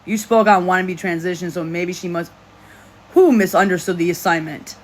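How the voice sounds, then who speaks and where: In their thirties, this vlogger addresses the camera in a casual monologue at normal speed, speaking in a voice they themselves call deep. They are emphatic and keep repeating and restarting phrases.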